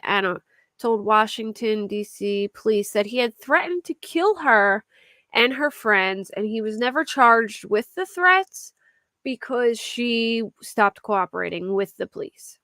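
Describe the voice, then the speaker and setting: A young true crime streamer with a Philadelphia accent, from that area herself, casually reads a crime story aloud while keeping up with her chat and laughing often. The sound is studio quality with no echo, and her voice is medium-pitched and fairly bright.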